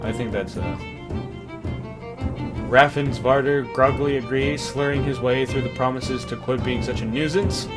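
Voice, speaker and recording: Guy doing a let's play, mid-pitched voice, reads the game text out then chats about it, game music going behind. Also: fairly even intonation, normal speed. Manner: reads story text aloud, breaks off to comment. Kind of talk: casual game commentary, reading game text aloud. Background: game soundtrack music.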